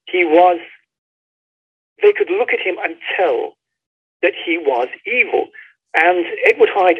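In a conversational book interview heard over a dull, lo-fi line, an author articulately tells his stories. His husky voice is a little high.

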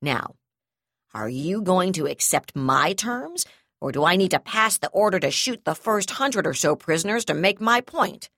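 A woman's voice: on the low side, lively intonation, normal speed, fairly bright tone, no room sound, studio quality. A woman reading an audiobook, voicing a brutal, cornered female gendarme brigadier who hurls profane threats. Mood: sneering, furious.

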